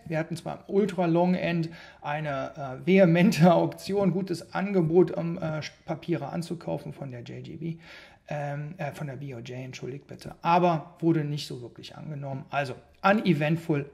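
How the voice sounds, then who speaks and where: A man's voice: fairly high pitch, vocal fry, a little mellow. A man hosting a casual morning market briefing, his voice giving out, mixing English trading jargon into informal commentary.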